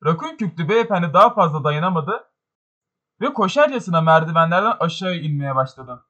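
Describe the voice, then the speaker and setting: Bir hikâyeyi canlı bir anlatımla okuyan bir erkek sesli kitap okuyucusu. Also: male voice, a little high, brisk. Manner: expressive storytelling. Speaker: audiobook narrator. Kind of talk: scripted narration.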